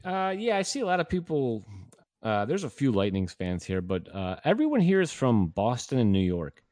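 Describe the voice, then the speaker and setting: A man's voice: mid-range voice, very animated, normal speed, darkish tone, dry recording. A man co-hosting a casual podcast, laid back and laughing as he tells stories. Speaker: podcast co-host.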